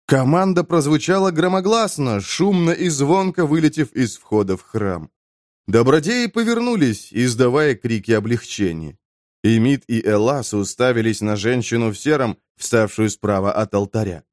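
A man narrating a fantasy audiobook in an expressive storytelling voice. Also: mid-range voice, normal speed, no room sound, studio quality.

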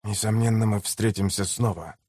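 A man voicing a cold, hushed slave trader. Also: on the low side, normal speed, dry recording, clean studio sound, voice pushed down, natural voice. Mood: menacing.

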